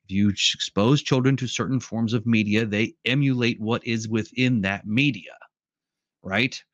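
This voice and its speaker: A man's voice: on the low side, moderate pace, no room sound, dull audio. A man in casual conversation, explaining at length and acting out quoted voices as he tells stories. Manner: animated storyteller who acts out quotes. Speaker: podcast guest.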